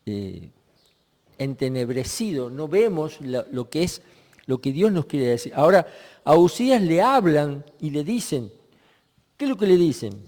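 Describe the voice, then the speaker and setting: A man preaching a Sunday sermon, reflective and unhurried, often pausing and restarting his sentences. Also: fairly high pitch, sing-song, a little mellow, long reverb tail. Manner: reflective, with many pauses and restarts.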